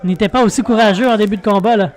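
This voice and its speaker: A man with a Québécois French accent gives live wrestling play-by-play as a commentator, calling each move with excited exclamations. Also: sits high, very fast. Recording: noisy venue with loud crowd behind.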